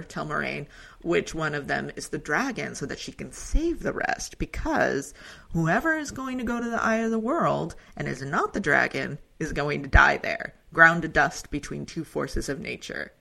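Bright gravelly woman co-hosting a podcast, animated recap chat, lots of "like" and laughing. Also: sits low. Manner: animated, acts out character lines in exaggerated voices; laughs often, fillers like "like" and "um". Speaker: podcast co-host.

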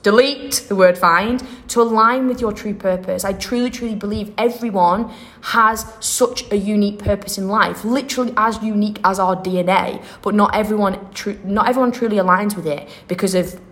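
A woman's voice: medium pitch, fairly even intonation, normal speed, a bit bright. A young woman hosting a self-help podcast, talking in an upbeat, encouraging way, rambling and correcting herself as she goes. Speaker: podcast host.

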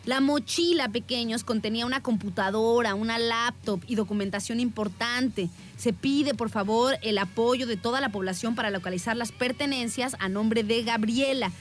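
A woman with a Mexican accent hosting a radio show, chatting casually and telling stories with lively mimicry. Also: a little high, normal speed, hardly any pauses. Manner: lively storyteller, mimics voices, laughs a lot. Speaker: radio host.

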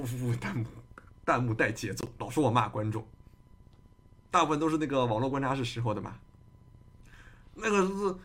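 A man's voice: medium pitch, fairly bright tone. A man hosting a casual livestream chat, arguing his case with many rhetorical questions. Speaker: streamer host.

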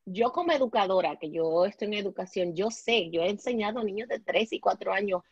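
A woman's voice: mid-range voice, a little fast, slightly rough, dry recording. A woman, recounting her own experiences as an interview guest. She drops in English words and restarts often, and her voice is dry and dull, as if from a lo-fi mic. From Puerto Rico. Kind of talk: personal storytelling in conversation. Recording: dull, lo-fi sound.

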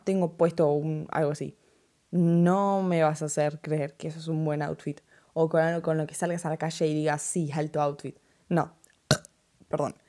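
Low-pitched and mellow, this female voice belongs to a teenage girl with an Argentine Spanish accent. In a casual fashion vlog she delivers blunt, dismissive opinions, saying "no" again and again.

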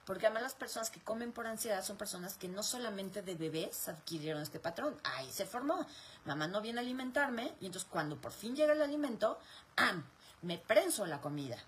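A woman's voice: mid-range voice, expressive, fairly quick, slight background noise. A woman with a Mexican accent answers viewer questions in a live chat, explaining step by step and posing rhetorical questions she then answers. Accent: Mexican Spanish.

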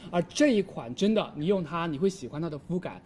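A woman with a slightly raspy voice delivers a hard-sell live shopping pitch. She talks quickly and swings her pitch around, hammering key phrases by repeating them. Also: expressive, a little mellow. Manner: emphatic, repeats selling phrases.

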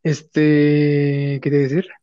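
A man's voice: a little high, completely flat delivery, a little slow, clear, resonant tone, no echo. Slangy young Mexican man, dry lo-fi sound. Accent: Mexican Spanish. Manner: slangy, rambling, fills with "güey" and "o sea". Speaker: podcast co-host. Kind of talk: casual podcast chat.

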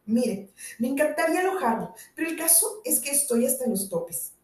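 A woman reading a friendly, lively Welsh farm landlady in an audiobook, in a roomy recording from a distant mic. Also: high-pitched, moderate pace.

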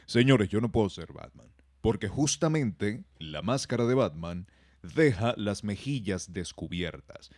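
A Venezuelan man co-hosting a film podcast, his pitch sitting low but swinging around a lot as he jokes. He talks in an animated way and keeps sliding into mock voices. The sound is dry and close, with no room in it. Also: unhurried, no room sound. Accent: Venezuelan Spanish. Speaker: podcast co-host. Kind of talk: casual film-review chat.

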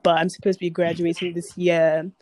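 A woman's voice: on the low side, flat delivery, brisk, darkish tone, dry recording. A woman in her twenties co-hosting a podcast, chatting casually with playful, teasing banter. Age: 20s. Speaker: podcast co-host. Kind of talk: casual chat.

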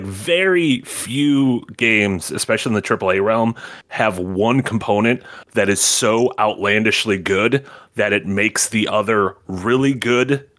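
Male podcast panelist, lowish voice, dry close sound, steady and explanatory. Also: no echo. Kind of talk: casual chat about video games.

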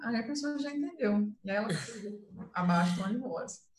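A woman's voice: mid-range voice, animated, normal speed, echoey room. A Brazilian woman, a communication consultant, explaining in a casual live chat and often adding "né". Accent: Brazilian Portuguese. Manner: explanatory, uses filler "né".

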